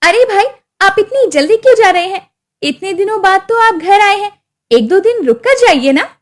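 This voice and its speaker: A woman's voice: animated, moderate pace. Woman doing a scheming daughter-in-law. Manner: sly and scolding, shrill.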